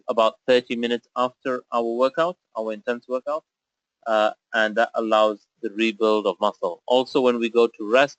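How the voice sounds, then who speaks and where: A man's voice: lowish voice, no echo, rough recording. A man who grew up in Zambia, presenting a nutrition webinar in a step-by-step explanatory way with frequent filler sounds. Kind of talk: webinar lecture.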